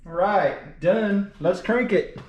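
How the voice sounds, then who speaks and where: A man with a high voice talks slowly and casually to himself while working on a car, thinking aloud as host of a home mechanic video. The audio is dull, there's noise behind him, and it's one uncut recording.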